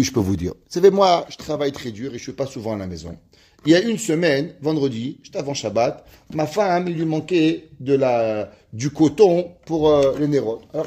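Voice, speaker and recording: Male rabbi giving a Torah class, animated storyteller, voice on the high side. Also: a little fast. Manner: lively storyteller, reads Hebrew passages aloud. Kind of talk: ethics lesson with a told story.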